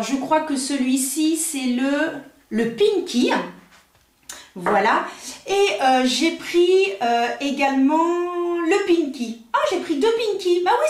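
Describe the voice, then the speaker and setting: A French woman and nail technician chatting casually while unboxing, thinking aloud with many fillers. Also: high-pitched. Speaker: nail technician and makeup artist. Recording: roomy echo.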